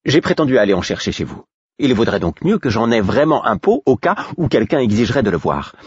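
A man voicing a brisk, scolding female servant who speaks sharply and with exasperation, in an audiobook reading. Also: mid-range voice, sing-song, husky, no echo, lo-fi sound, voice pushed up. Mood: urgent.

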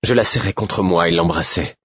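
Low, husky male narrator. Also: normal speed, a bit bright, no room sound, highs cut off. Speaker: audiobook narrator. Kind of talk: first-person novel narration.

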